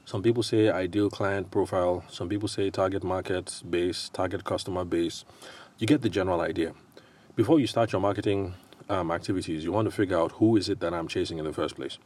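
A man with a Nigerian accent hosting a solo podcast in a casual, explanatory way, often pausing hesitantly as he thinks aloud. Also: low-pitched, steady tone, darkish tone. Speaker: podcast host.

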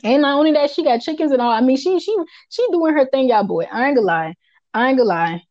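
A woman with a Charleston Gullah Geechee accent co-hosts a podcast, sharing casual, opinionated chat in a high, lively, fast voice that's a little mellow. She's emphatic, colloquial and unfiltered, often repeating herself for weight. The recording is dry and lo-fi.

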